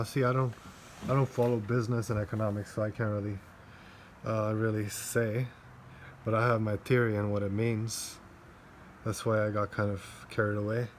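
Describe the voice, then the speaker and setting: Man slowly reading aloud, musing. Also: fairly low pitch. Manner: slow, halting reading, rereads lines, laughs to himself. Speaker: reader commenting on a book. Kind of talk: casual read-aloud with commentary. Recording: faint background noise.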